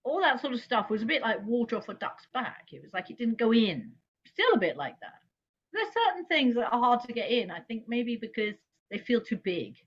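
A woman's voice: a little high, a little fast, husky. A woman, a jazz singer, telling stories from her life in a casual interview, laughing often and jumping her voice up when she quotes herself. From England. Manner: animated, laughing, voice jumps up when quoting herself. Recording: slightly dull lo-fi sound.

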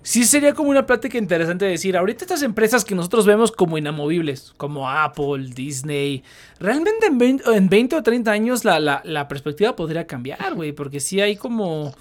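A man's voice: high voice, sing-song, brisk. A man with a Mexican Spanish accent chatting casually with friends, rambling with lots of slang and restarts. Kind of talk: casual chat.

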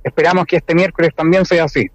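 Talking fast over the phone as a radio interview guest, this musician and ensemble director has a fairly high, steady voice. The call-in line is dull and dry, with no room sound at all.

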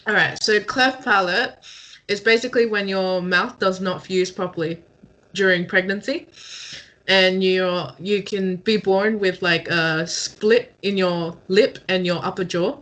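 A woman's voice: mid-range voice, steady tone, measured pace, fairly bright tone. A young woman co-hosting a casual podcast over a call, explaining things step by step and laughing easily. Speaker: podcast co-host. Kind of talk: casual chat. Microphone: remote call.

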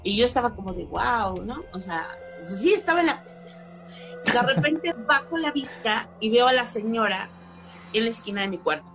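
A woman with a Mexican accent telling a personal story in casual chat, acting out quotes with sudden high exclamations. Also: expressive, a little fast, fairly bright tone. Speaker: guest storyteller. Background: background music.

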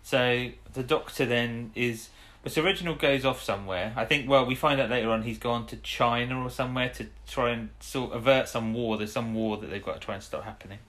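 Rambling podcast co-host, mid-pitched man. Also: fairly quick, hardly any pauses, a bit bright. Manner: rambling, self-interrupting, chuckling. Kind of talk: casual chat about an old TV episode.

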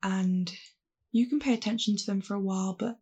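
A woman leads a calm grounding exercise as a guided mindfulness meditation, giving gentle, reassuring instructions in a husky, creaky voice. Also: mid-range voice, a little fast, dull audio.

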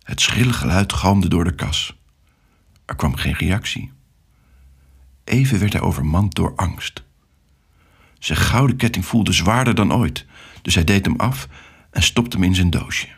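A man narrating a children's story with an expressive, animated reading. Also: deep voice, unhurried, vocal fry, long pauses, breathy edge.

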